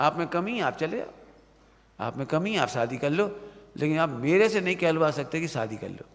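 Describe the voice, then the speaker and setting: In the long-reverberating hall of a Jain study centre at night, a Jain preacher admonishes his students through a stern Hindi discourse, frequently asking if they understand. His voice is fairly high and expressive, his pace normal.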